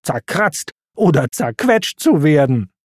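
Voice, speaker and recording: A narrator voicing Timon, an excitable male meerkat, in a high, eager storybook voice. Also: takes it slowly, dry recording, clean studio sound. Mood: teasing. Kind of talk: storybook reading.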